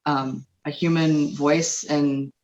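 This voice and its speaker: Low-voiced woman asking questions, lo-fi. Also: little pitch movement, a little mellow. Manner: measured, curious questioning. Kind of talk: interview questions.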